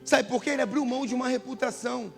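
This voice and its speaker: A pastor preaches in a high voice with a gravelly edge, and he tells his stories in a loose, slangy way. His words ring out with a long reverb through the church hall. A soft guitar plays faintly behind him. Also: very fast. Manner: casual, slangy storytelling. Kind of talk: sermon.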